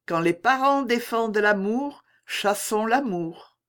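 A woman voicing a gentle, sensible young woman in a read-aloud novel, speaking softly and earnestly in a raised voice. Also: fairly high pitch, animated, slow, voice pushed up.

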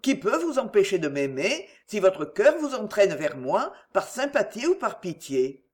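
A woman voicing an ardent, smooth-talking English gentleman who pleads and flatters as he courts a young woman in a storybook reading. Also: mid-range voice, unhurried.

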